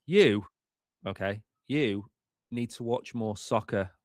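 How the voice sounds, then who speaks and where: A man co-hosting a live stream, bantering in an animated, teasing way. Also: fairly low pitch, slow, no room sound. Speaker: co-host.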